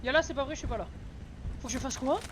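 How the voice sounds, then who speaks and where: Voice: high voice, quick pace. A jumpy, foul-mouthed horror game streamer, easily startled and scared, commenting in casual slang while playing. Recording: noisy, game sounds behind voice.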